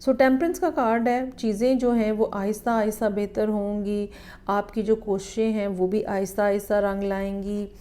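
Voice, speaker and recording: A woman giving a weekly tarot horoscope reading in a measured, explanatory way, often checking in with the listener. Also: mid-range voice, steady tone, mellow. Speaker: tarot reader.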